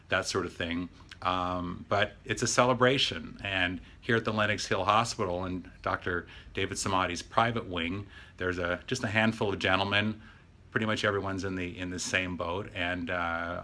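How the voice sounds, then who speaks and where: A man, middle-aged, talking casually to camera in a hospital room as a patient, in an earnest, reassuring, halting way. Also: deep voice, sharp tone. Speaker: video diarist, patient recovering from surgery. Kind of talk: casual vlog talk to camera.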